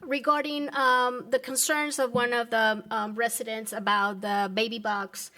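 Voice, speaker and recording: A woman from the Dominican Republic speaking at a public meeting. Her voice is somewhat high, and she talks earnestly with halting pauses. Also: little pitch movement, bright, forceful tone. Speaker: resident giving public comment.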